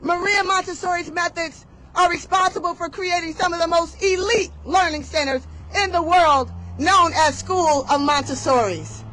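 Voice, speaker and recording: At an outdoor rally, a woman delivers a motivational speech full of rhythmic, emphatic rhymes and call-and-response. Her pitch is extremely high and her tone sharp, at a moderate pace, and the audio is poor.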